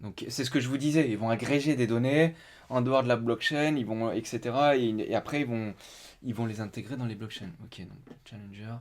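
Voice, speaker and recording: A mid-pitched man chats casually on his live stream. He thinks aloud as he reads, trips over restarts and fillers, and stumbles through English words in his French speech. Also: a little fast.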